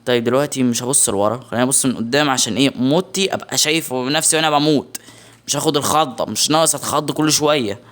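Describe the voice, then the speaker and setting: An excitable young man with an Egyptian Arabic accent, giving let's-play commentary on a horror game, yelping in alarm and muttering to himself. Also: mid-range voice, racing. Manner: excitable, shouts in alarm, mutters under breath. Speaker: gaming channel host.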